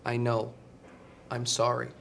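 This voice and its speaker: A man's voice: medium pitch, monotone, slow pace, gravelly, fairly bright tone, a little hiss or hum. An actor playing a meek male job applicant who lied on his form, answering in short, apologetic lines in a scripted comic dialogue. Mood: sheepish.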